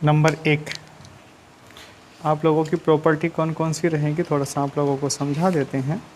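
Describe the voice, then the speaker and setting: A man gives a maths lesson to schoolchildren in a Hindi accent, asking questions he then answers, repeating his points and often saying "children." His voice is a little high and darkish, with a flat delivery at a moderate pace, over slight background noise.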